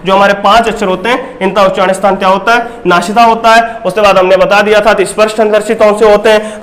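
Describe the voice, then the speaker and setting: A man's voice: sits high, fairly bright tone. A male teacher giving an exam-prep grammar lesson, asking questions and repeating the answers to drill them in.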